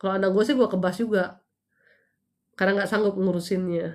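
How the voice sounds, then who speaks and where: A woman's voice: mid-range voice, steady tone, quick pace, a little mellow. A woman in her thirties hosting a casual live stream, giving chatty spiritual advice with teasing asides and emphatic preachy bursts.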